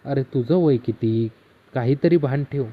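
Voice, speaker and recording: A man's voice: mid-range voice, unhurried, close to an everyday voice. A man voicing a teasing neighbor aunt, lo-fi. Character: middle-aged neighbor aunt, teasing and lonely. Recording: slightly dull lo-fi audio.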